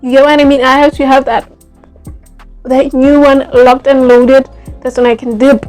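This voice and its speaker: A young woman vlogger tells a personal story in a casual, animated way, peppered with fillers like "like" and "yo." Her voice is high-pitched and moderately paced, with soft music playing in the background.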